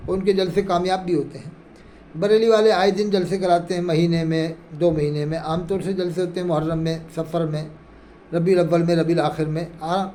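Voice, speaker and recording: A male preacher delivers an earnest, reproachful religious lecture. His voice sits high, and he keeps pressing his listeners with rhetorical questions. A faint hiss runs under the recording. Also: warm tone. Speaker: Islamic preacher. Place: India.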